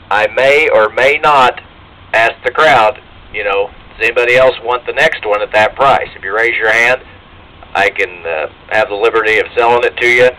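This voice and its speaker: A man's voice: lowish voice, sharp tone. A middle-aged man, announcing as a plain-spoken, folksy auctioneer at a live sale. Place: outdoors at a tree lot, from an auction truck. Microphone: handheld PA microphone, filmed by bystander's camera. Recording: noisy outdoor PA recording.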